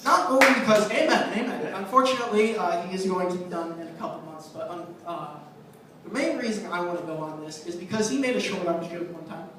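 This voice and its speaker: A male stand-up comedian telling a self-deprecating story, his bright, forceful voice ringing through a very echoey small club. He speaks from a little way off the mic, with halting fillers and a loose, conversational delivery. A faint room murmur sits underneath. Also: high voice. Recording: echoey club heard from the mic at a distance, faint crowd noise.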